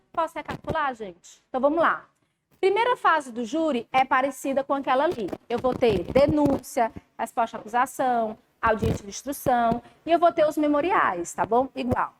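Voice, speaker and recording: A high-pitched woman with a Brazilian Portuguese accent teaches a live law class, lively and chatty, talking straight to her students. The recording carries clear background noise from the classroom.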